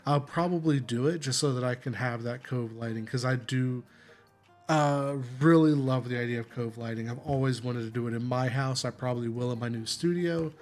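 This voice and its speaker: A tired man hosting a gameplay video, giving a relaxed, rambling walkthrough and often correcting himself. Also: mid-range voice, normal speed. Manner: rambling, self-correcting, apologetic.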